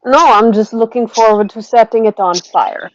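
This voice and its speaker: A woman's voice: a little high, steady tone, normal speed, dry recording, soft background music. A woman playing a tabletop role-playing game, playful and giggly. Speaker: player. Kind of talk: tabletop role-play banter. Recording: dry, dull lo-fi audio.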